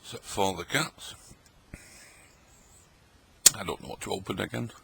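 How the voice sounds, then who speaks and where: Deep, creaky and a bit bright, a middle-aged man's voice takes its time as he tries old tinned goods at his table late at night. He's chatty and jokey, rambling through a casual vlog while he eats, over slight background noise.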